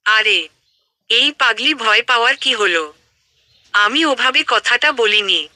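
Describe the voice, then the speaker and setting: A woman's voice: a little high, lively intonation, takes it slowly, sharp tone, no room sound, exaggerated voice. A woman voicing an affectionate, teasing young man talking to his fiancée on the phone in an audio story. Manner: playful, teasing.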